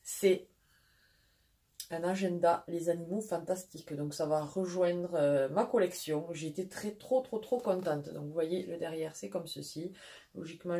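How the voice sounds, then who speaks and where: A woman with a southwestern French accent, a mother chatting through a casual haul vlog in a rambling way, pausing often. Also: lowish voice, warm tone. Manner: chatty and rambling, with frequent pauses and restarts. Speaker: vlogger and mother.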